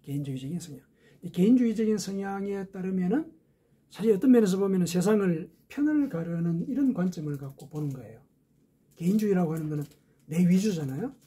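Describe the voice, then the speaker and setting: A man's voice: sits high, animated, fairly quick, dark tone, husky. A man preaching a sermon as a pastor, explaining step by step with rhetorical questions.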